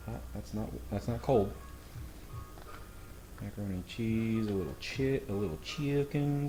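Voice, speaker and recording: A man's voice: sits low, mellow. A man hosts a casual cooking vlog from his home kitchen, joking and chatting to viewers. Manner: joking, self-deprecating, talks to viewers. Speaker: cooking channel host. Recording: echoey kitchen with faint music.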